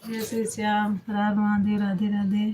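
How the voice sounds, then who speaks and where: A woman's voice: medium pitch, completely flat delivery, normal speed, very noisy. A woman hosting a casual live stream on her phone, greeting viewers by name and repeating devotional greetings.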